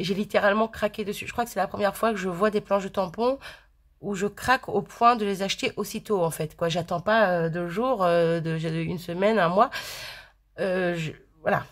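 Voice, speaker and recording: A woman from France chatting casually to camera as a craft vlogger, rambling and gushing, often cutting herself off and giggling. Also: medium pitch. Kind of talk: casual chat.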